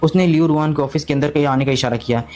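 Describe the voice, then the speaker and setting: A man narrating a storybook recap in rapid, continuous storytelling with frequent restarts. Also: a little high, a little mellow.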